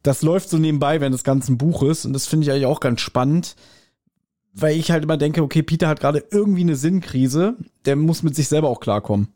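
A man's voice: on the high side, quick pace, mellow. A man co-hosting a casual podcast chat, explaining his thoughts at length. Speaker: podcast co-host.

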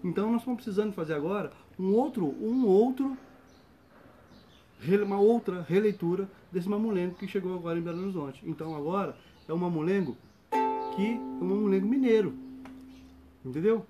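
A man who works as a mamulengo puppeteer, explaining his craft casually and speaking in quick bursts with restarts. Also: high-pitched. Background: loud guitar music.

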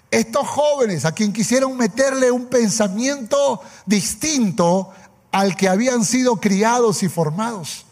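A man preaching a sermon with emphatic repetition, calling on the congregation for an amen. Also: high voice. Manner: emphatic, calls for amen, repeats phrases. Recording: long hall reverb.

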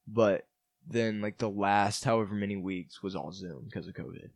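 A man's voice: fairly low pitch, fairly even intonation, moderate pace, vocal fry. A man co-hosting a podcast, telling stories in a rambling, casual way from a basement. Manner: rambling, storytelling. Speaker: podcast co-host. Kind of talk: casual chat.

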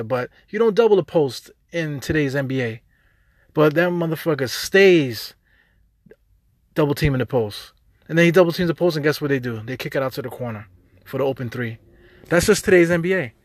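A fired-up man with a New York accent rants unscripted on his podcast, stumbling over repeated words and slipping into slang. His voice sits a little on the high side. The sound is dry and close, with no room around it. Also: dry recording. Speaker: podcast host. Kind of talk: unscripted sports rant.

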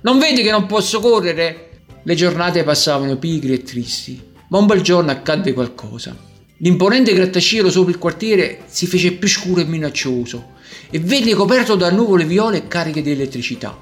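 Man, storybook narration, slightly high voice, gentle measured telling, faint music behind. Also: expressive.

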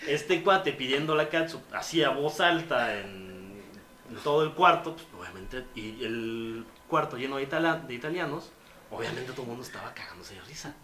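A roomy recording with faint noise captures a young Mexican man with a Mexican accent at medium pitch and moderate pace. He tells stories in casual, slangy chat, animatedly reenacting what happened.

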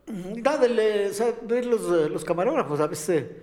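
A man, a comic actor telling a story in an interview, acting out voices with sudden high shouts and laughs. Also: expressive, normal speed. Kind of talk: casual interview, animated storytelling.

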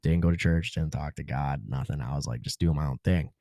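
Man, low voice, casual slangy storytelling, dry close sound. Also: a little fast, mellow, no echo. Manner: laid-back, slangy, peppers speech with "dude" and "bro". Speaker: podcast guest.

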